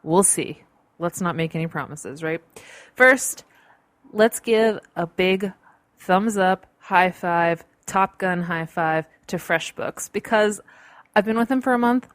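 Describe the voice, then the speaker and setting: A woman hosting her own podcast, talking in a bubbly, chatty way with big jumps in pitch, recorded at home. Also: takes it slowly, dry recording. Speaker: podcast host. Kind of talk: casual solo podcast talk. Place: home in the city. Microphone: studio mic recorded on a computer.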